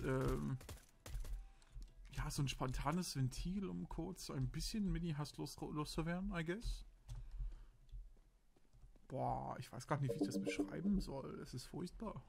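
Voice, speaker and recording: A man's voice: medium pitch, vocal fry, darkish tone. A young man from Berlin giving rambling, crude, casual commentary while playing a shooter game. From Berlin, Germany. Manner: rambling, crude, self-justifying chatter. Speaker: let's play commentator.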